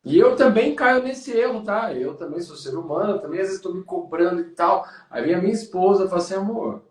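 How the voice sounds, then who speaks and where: A man's voice: high voice, a little fast, a little mellow, far from the mic. Motivational Brazilian man in a roomy room. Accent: Brazilian Portuguese. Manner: motivational, addresses listener as "cara". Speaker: podcast host and running coach. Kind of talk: casual podcast chat.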